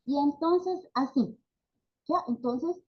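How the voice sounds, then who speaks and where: A woman's voice: high-pitched, takes it slowly, dull audio. A woman with a Bolivian Spanish accent giving a speech therapy class, talking conversationally with many fillers and tag questions. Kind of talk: online class lecture.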